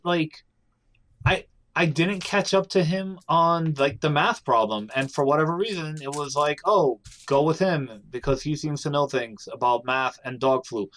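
A man speaks in character at a tabletop game, rambling in loose, flustered sentences that restart often. His voice sits a little higher than most men's. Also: a bit bright, rough recording. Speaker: player.

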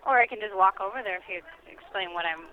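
A woman's voice: medium pitch, fast, slight background noise. A woman who works as a store manager, heard over the phone, talking in a polite and puzzled way and asking questions. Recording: muffled phone line.

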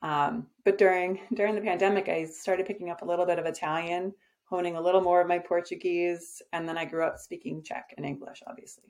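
A woman on the low side of the pitch range, a little mellow and a little fast, keeps her intonation fairly even. As a podcast guest who runs an agency, she speaks casually, directly and confidently about her business, with plenty of "um" fillers.

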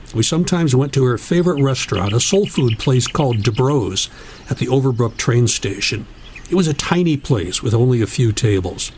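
A man reading a written tribute aloud as narrator, in a measured, solemn storytelling manner. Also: medium pitch, a little mellow, slight background noise.

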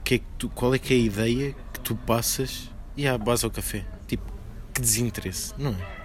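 A man's voice: medium pitch, moderate pace, slight background noise. A young man in casual chat, slangy and dropping in English words. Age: young adult.

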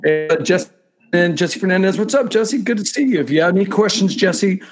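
A man's voice: sits high, a little fast, over music. A man hosting a live talk show in a chatty, casual style, speaking straight to his viewers.

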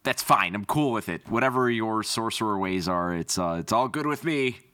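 A man's voice: lowish voice, moderate pace, sharp tone, dry recording, studio quality. A man playing a nervous, rambling male job applicant in a comedy sketch at a villain empire's hiring office. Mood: hesitant. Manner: rambling, hesitant and joking.

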